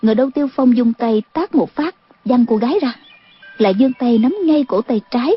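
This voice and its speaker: Breathy woman narrating an audiobook. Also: a little high, a little fast, faint music behind. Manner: steady storytelling delivery. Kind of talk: scripted narration. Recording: dull lo-fi audiobook recording.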